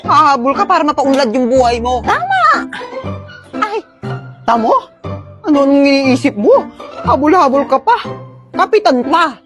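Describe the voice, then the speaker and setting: A woman's voice: high-pitched, animated, moderate pace, long pauses. A woman acting out a comedy skit with teasing, bickering banter. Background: music.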